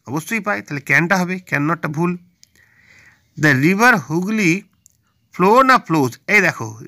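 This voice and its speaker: A man's voice: sits high, creaky, sharp tone. A male teacher with a Bengali accent, patiently explaining a children's English workbook and asking and answering his own questions.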